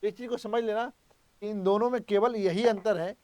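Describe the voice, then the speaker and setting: A man's voice: high voice, fairly even intonation, brisk, a little mellow. A man teaching an exam-prep grammar lesson, emphatic and repetitive, quizzing his students as he goes. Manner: emphatic, repeats key points, quizzes students.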